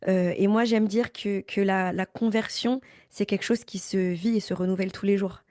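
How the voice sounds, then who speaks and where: A young woman from Paris speaks as a guest in a relaxed interview. Her voice is dark and mellow, recorded close and dry. She talks thoughtfully and pauses often, repeating small words as she works out her answers. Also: medium pitch, no echo. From Paris, France. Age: young adult. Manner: thoughtful, many hesitations and repeats. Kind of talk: casual interview talk.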